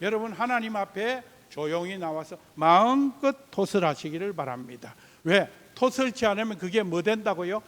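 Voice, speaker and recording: High-pitched gyeongsang pastor preaching a sunday sermon, asks the church questions, big reverby hall. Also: male voice, expressive, normal speed, hardly any pauses, fairly bright tone. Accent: Gyeongsang Korean. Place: church sanctuary.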